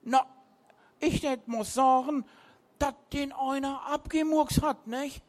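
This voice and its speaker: A man's voice: extremely high pitch, fairly even intonation, takes it slowly, voice pushed up. A man voicing a tipsy, superstitious old sea captain who slurs his dialect-tinged words. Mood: gruff, slurring. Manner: slurred, dialect-tinged speech.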